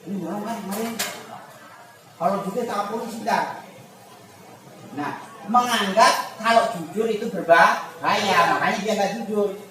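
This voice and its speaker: High-voiced male teacher in an echoey classroom. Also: moderate pace, pauses often, fairly bright tone. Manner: reads Arabic text then explains it in casual speech; acts out short scenes in quoted voices. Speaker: religious teacher. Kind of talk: classroom lesson. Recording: echoey room, far from the mic, noisy.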